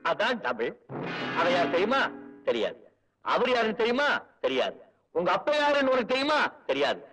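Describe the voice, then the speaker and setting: An actor playing a cocky, quick-witted man who mocks a villain with sarcastic wordplay, in old film dialogue. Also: high-pitched, huge pitch swings, distant mic, over music, low-quality recording. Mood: mocking. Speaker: film hero. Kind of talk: 1970s Tamil film dialogue.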